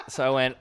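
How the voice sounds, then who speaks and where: A man's voice: dry recording, studio quality. A man on a casual comedy podcast, telling rambling anecdotes and laughing through them.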